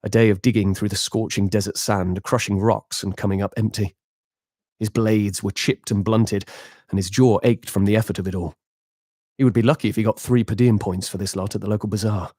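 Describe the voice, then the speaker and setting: A man narrating a game epilogue as game master, with measured, dramatic storytelling. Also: on the low side, fairly even intonation, warm tone, no echo, studio quality.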